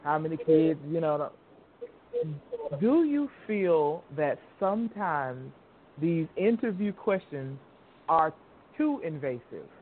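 A man with a fairly high, very lively voice co-hosts a casual talk show. He speaks in an expressive, exclamatory way. The line is thin and phone-like with faint rumble. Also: slow. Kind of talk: casual chat.

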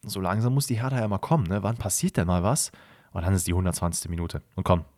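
A man's voice: deep voice, expressive, a little mellow, no echo, studio quality. A man co-hosting a casual football podcast, talking colloquially and jumping in with corrections. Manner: quick, colloquial, jumps in with corrections. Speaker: podcast co-host.

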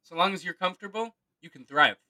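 Bright, mock-serious comedy host. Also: male voice, high voice, lively intonation, fast. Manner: playfully formal, mock-serious. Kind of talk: game-show style comedic hosting.

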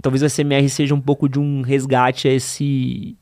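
A man hosting a casual podcast, cracking jokes and thinking aloud with quick interjections. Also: medium pitch, completely flat delivery, darkish tone, no echo, clean studio sound. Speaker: podcast host. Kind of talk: casual chat.

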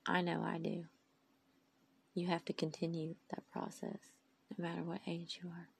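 Woman, weary and tearful, heartfelt faith monologue; low, flat delivery, faint hiss behind. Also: normal speed, creaky. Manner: heartfelt, emphatic, rambling. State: tired, tearful. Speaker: faith vlogger. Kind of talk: inspirational monologue.

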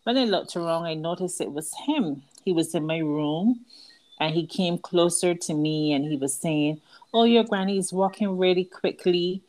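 Earnest Barbadian woman, lowish voice. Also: normal speed, a little mellow. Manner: earnest, personal storytelling. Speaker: guest, author. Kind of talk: interview. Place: outdoors at night with crickets. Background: crickets.

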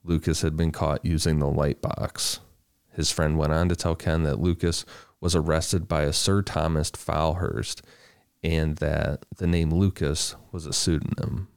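Man, extremely low voice, dry close sound, casual, crude storyteller. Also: flat delivery, a little slow, creaky, a little mellow, smooth, dry recording. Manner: laid-back, crude, recaps the story in plain narration. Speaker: podcast co-host telling the story.

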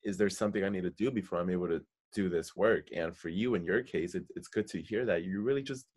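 A young adult American man hosts a podcast in a casual interview chat, feeling his way through questions and thoughts. His voice sits low with a darkish, slightly rough tone, and he talks fast.

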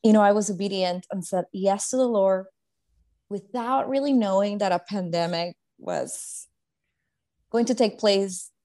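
A woman's voice: medium pitch, unhurried, warm tone. A woman in her thirties from Guatemala, a life coach talking earnestly and reflectively in a casual faith-based interview, with many fillers and restarts. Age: 30s.

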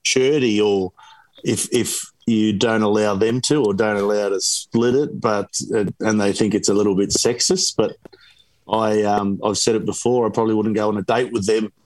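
A man's voice: fairly low pitch, steady tone, normal speed, a little mellow, no room sound, low-quality recording. An Australian man chats casually as a guest on late-night radio. He sounds laid-back and hesitant and fills his speech with ums. His voice is recorded close and dry. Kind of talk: casual banter.

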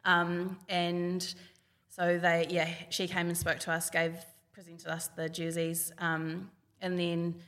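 A woman's voice: on the low side, monotone, slow pace, a bit bright. A woman in her twenties with a New Zealand accent, a hockey player telling her story as a podcast guest in a chatty way, full of "like". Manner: chatty, full of "like" and reported speech. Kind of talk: casual storytelling. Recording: long reverb.

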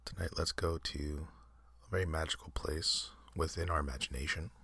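A man hosting an ASMR channel, leading a soft, halting whispered guided meditation with many pauses and fillers. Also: very deep voice, fairly even intonation, husky, no echo. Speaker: ASMR host.

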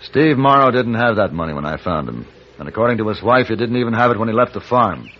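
A man's voice: lowish voice, animated, fast. A man playing a grave, courteous gunfighter in a 1950s radio Western. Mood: terse. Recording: dull, noisy old radio recording.

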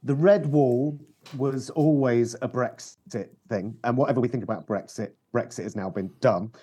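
A man's voice: mid-range voice, moderate pace, dark tone, husky. A British man in casual political chat, swearing freely and throwing out rhetorical questions.

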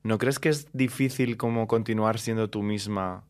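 A man hosting a casual podcast interview, asking relaxed, teasing questions. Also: fairly low pitch, moderate pace. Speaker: podcast host.

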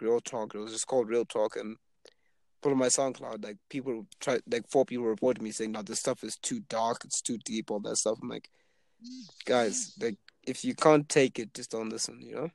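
The twenty-year-old from Zimbabwe talks casually at a moderate pace about his ambition to rap, rambling and relaxed with frequent fillers. His medium-pitched voice has a creaky quality, and there's no echo.

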